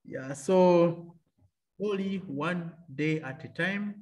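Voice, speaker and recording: Speaking slowly in a slightly high, darkish voice, a man tells stories about his faith and business during an interview. He is an engineer turned entrepreneur who laughs a lot and acts out other people's voices in this faith-filled storytelling conversation.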